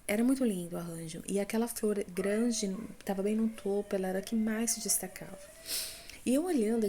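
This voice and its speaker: A Brazilian church member with a Brazilian Portuguese accent gives a testimony recounting a dream, speaking conversationally and calling her listeners brothers and folks, with frequent tag questions. Her voice is medium-pitched and dark-toned, with a little hiss or hum.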